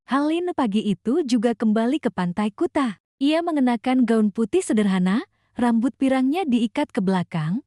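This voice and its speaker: Woman, storyteller, scripted narration, calm delivery, dry close sound. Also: on the high side, no echo.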